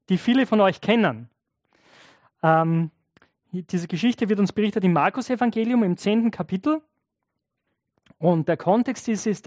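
A man's voice: high voice, dry recording, clean studio sound. A man preaching a sermon, telling a story in a conversational way and addressing his listeners directly. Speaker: pastor.

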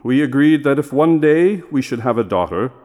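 A man's voice: mid-range voice, lively intonation, moderate pace, darkish tone, lightly acted. A man playing a hearty, jovial king in a fairytale audio drama, regal and gracious in his speech. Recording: long reverb of a great hall.

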